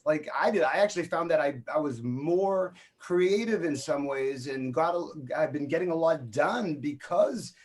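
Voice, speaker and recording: A man's voice: on the high side, moderate pace, few pauses. A man from Boston with a Boston accent, hosting a casual video call chat among musicians, friendly and rambling with restarts.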